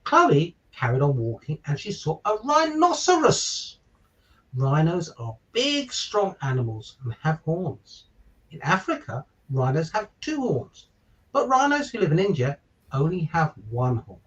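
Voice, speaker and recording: With a fairly bright, higher-leaning voice, huge pitch swings, and a measured pace, a man stands in as a reader of children's stories. He reads a picture book aloud over a virtual call, far from the microphone and with poor audio, tossing in chatty asides and questions for listeners.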